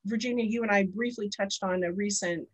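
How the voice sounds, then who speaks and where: A woman's voice: medium pitch, a little fast, husky. A woman in her fifties hosting a podcast, chatting casually and telling personal stories. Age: 50s. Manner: chatty and storytelling. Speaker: podcast host.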